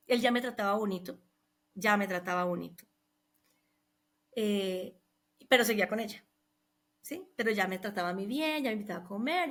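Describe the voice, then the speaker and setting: A middle-aged woman giving an emotional personal testimony, recounting events earnestly and quoting the people involved. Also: fairly high pitch. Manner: earnest, recounting with quoted dialogue. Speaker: guest telling her testimony.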